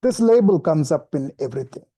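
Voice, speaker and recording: A man teaching an informal spoken lesson, relaxed and self-deprecating, often restarting his sentences. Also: fairly high pitch, brisk, breathy edge, no echo. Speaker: meditation teacher.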